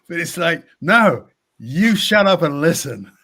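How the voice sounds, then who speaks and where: An executive coach in a reflective podcast conversation, this man has a slightly high voice and speaks slowly and with measure, repeating words and laughing softly.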